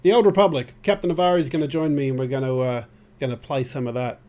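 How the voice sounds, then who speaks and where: A man's voice: medium pitch, fairly even intonation, quick pace, dark tone. A man chatting on a podcast, hesitant and playful. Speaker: podcast co-host. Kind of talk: casual chat.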